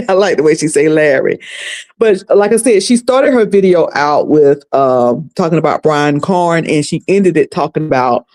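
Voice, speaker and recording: A woman with a deep, animated, slightly mellow voice speaks at a moderate pace in a Southern accent; she's from North Carolina. As host of a casual commentary recap stream, she chats folksily with viewers, calling them "y'all" and "sugar."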